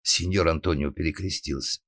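A man narrating an audiobook in an ironic, even storytelling manner. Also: a bass voice, brisk, no echo, studio quality.

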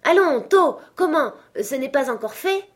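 Woman doing Fezziwig, a booming jolly old merchant. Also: expressive, measured pace. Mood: jovial. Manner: loud, merry calling out. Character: jovial old male merchant, booming and merry.

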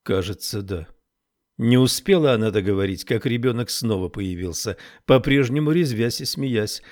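A man narrating an audiobook in a measured, even reading voice. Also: mid-range voice. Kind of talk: scripted narration.

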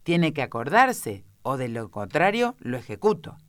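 A woman's voice: rumbling low, big pitch swings, unhurried, no room sound, clean studio sound, heavily acted. A woman voicing a pompous, impatient king in a storybook, threatening and blustering.

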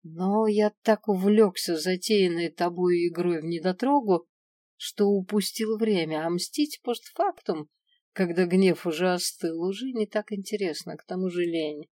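A woman voicing a self-assured male dragon in an audiobook, calm, dry and commanding. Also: lowish voice, unhurried, no echo, recorded from a distance. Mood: calm, wry.

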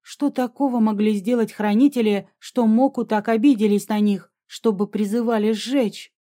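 Woman reading a fantasy audiobook, kinda high voice, soft mellow tone. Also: fairly even intonation, moderate pace. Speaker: audiobook narrator.

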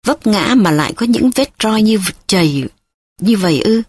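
A woman's voice: medium pitch, expressive, normal speed, slightly rough, no room sound. A woman reading the part of a worried young female tutor who presses a child with urgent questions, in an audiobook.

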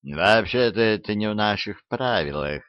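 A man's voice: mid-range voice, a little slow, no echo, close to an everyday voice. A man voicing a polite, businesslike male clerk of a magical agency, on a dull lo-fi recording.

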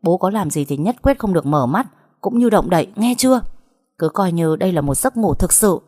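A woman doing a blunt, sharp-tongued stepsister. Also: on the low side, expressive, brisk. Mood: scolding. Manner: blunt, scolding, rough-talking. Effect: heard over a phone call.

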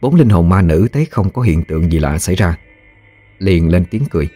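A man narrating a ghost story in a slow, ominous storytelling manner. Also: low-pitched, expressive, mellow, husky, soft background music.

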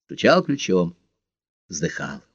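A man narrating an audiobook in an expressive storytelling manner. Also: low voice, slow pace, breathy edge, no room sound, muffled recording. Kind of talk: scripted narration.

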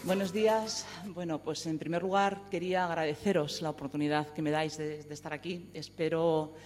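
A woman's voice: low-pitched, fairly even intonation, music in the background. Earnest woman in an echoing hall. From Madrid, Spain. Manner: earnest, measured, mixing academic and personal tone. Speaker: psychology lecturer speaking at a round table. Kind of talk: personal testimony talk. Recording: long reverb of a hall.

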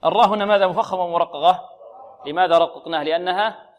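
A male Quran recitation teacher giving a tajweed lesson on the radio, slowing and stretching example words and asking his students questions he then answers himself. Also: high voice, dull audio.

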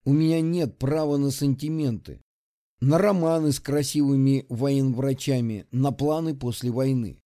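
Mellow male audiobook narrator. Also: mid-range voice, fairly even intonation, normal speed. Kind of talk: first-person audiobook narration.

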